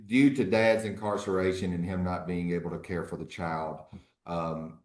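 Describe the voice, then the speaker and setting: A man speaking as an attorney in a courtroom recording, formally questioning a witness in a measured, halting way. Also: sits low, a little mellow, echoey room. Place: courtroom hearing.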